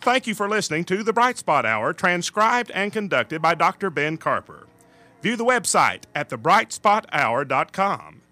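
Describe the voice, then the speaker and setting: A man's voice: high voice, sing-song, pushed and bright, dry recording. A man reading a scripted closing announcement for a radio program in a polished announcer manner. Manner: brisk, polished announcer delivery. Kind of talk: scripted broadcast outro.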